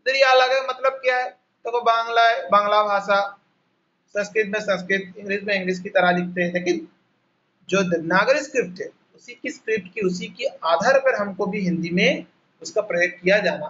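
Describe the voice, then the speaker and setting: A man with a Bengali accent and a very high, bright voice teaches a class over a video call. He explains slowly, repeating each sound and spelling it out for his students. The audio is muffled and lo-fi, like a laptop mic on a call. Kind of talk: online class lesson.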